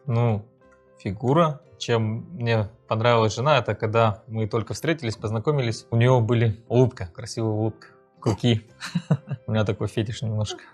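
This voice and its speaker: A man's voice: on the low side, steady tone, moderate pace, a little mellow, faint music behind. A man in his thirties answering in a casual couple Q&A, easygoing and hesitant with many fillers. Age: 30s. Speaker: interviewee, husband. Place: studio.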